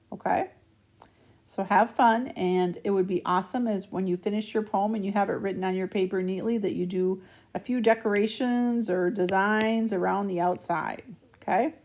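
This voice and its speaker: Warm, gravelly-voiced woman teacher. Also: medium pitch. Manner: patient, checks in with frequent "okay?". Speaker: elementary school teacher. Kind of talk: recorded remote lesson over slides.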